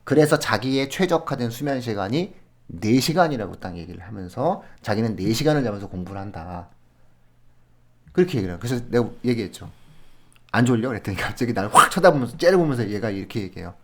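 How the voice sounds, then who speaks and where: Lively Korean man telling stories. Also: on the low side, fast talker. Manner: animated storytelling with frequent laughs; explains in a friendly advising way. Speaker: education consultant on a podcast. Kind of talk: conversational podcast talk.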